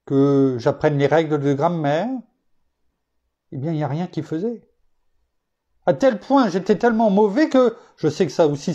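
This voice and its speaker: A French male preacher gives a sermon in a warm, mellow voice, teaching reflectively and weaving in personal anecdotes. He raises his pitch emphatically to stress key points, and the recording has its highs cut off.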